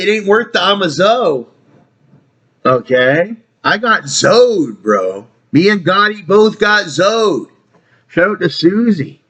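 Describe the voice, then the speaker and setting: A man's voice: high-pitched, fairly bright tone. A man talking in a rambling casual monologue, trailing off and restarting, swearing casually. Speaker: vlogger.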